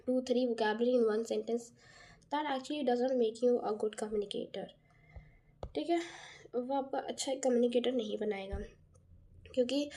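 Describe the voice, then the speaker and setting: A woman's voice: fairly high pitch, mellow. A young Indian woman teaching a casual lecture, often checking in with "okay" and correcting herself as she goes. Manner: explains with repeated checks and self-corrections. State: has a cough. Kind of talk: casual exam-prep lecture mixing Hindi and English.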